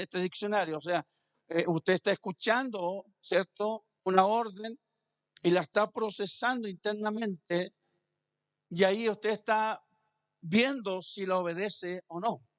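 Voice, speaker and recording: Man, pastor preaching, high voice, dry dull sound. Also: no echo. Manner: preaching with many "amén" and "¿cierto?". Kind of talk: sermon. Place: church.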